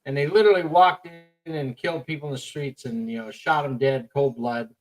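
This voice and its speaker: A man co-hosting a live-stream podcast, talking in a halting, emphatic way with many fillers. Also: mid-range voice, soft background music, poor audio. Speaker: podcast co-host. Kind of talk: casual live-stream talk.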